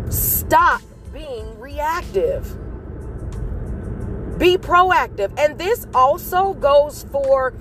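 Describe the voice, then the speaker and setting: A woman giving an earnest, casual motivational talk to her viewers, telling a story with animated acted outbursts. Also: high voice. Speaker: motivational vlogger.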